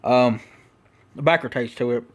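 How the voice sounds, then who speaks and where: A man's voice: medium pitch, a little slow, lo-fi sound. A man with a Southern US accent giving a casual, rambling, slangy review, talking around a lip packed full of dipping tobacco. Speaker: product reviewer.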